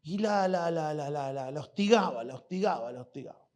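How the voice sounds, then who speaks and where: A man's voice: a little high, animated, a little fast, darkish tone. A man preaches a sermon to his church. He talks animatedly, acting out exchanges with God and turning to the congregation with questions. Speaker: pastor.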